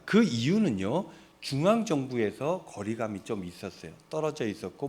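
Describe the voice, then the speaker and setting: A middle-aged pastor from Seoul, South Korea, speaks in a mid-range, slightly mellow voice. He preaches in a chatty, conversational way, posing questions to his congregation and answering them himself. He laughs at his own jokes.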